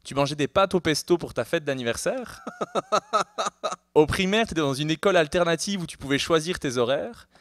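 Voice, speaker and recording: A man's voice: fairly high pitch, animated, normal speed, fairly bright tone, no echo. Male interviewer host, upbeat and easy laugh, dry close mic. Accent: French-speaking. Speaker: podcast host. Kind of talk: casual live podcast interview. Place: live podcast taping before an audience.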